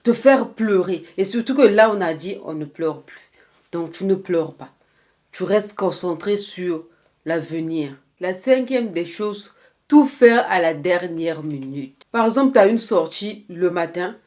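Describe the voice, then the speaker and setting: A woman's voice: on the low side, lively intonation, measured pace, darkish tone. A young woman vlogger talking straight to her viewer, giving earnest, repetitive life advice with a touch of faith. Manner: faith-tinged encouragement. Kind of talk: casual motivational talk to camera.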